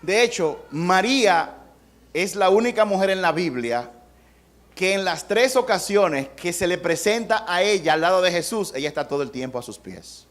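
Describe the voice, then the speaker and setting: Fairly high-voiced man preaching a sermon. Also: lively intonation, moderate pace, fairly bright tone. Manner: conversational preaching with acted-out quotes and humor. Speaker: pastor.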